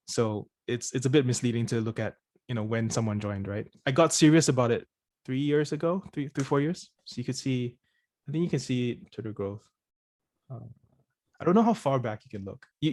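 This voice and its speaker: A man's voice: medium pitch, a little mellow, dry recording, studio quality. A man from Singapore answering questions in casual conversation, often restarting and repeating words. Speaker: presenter of the course session.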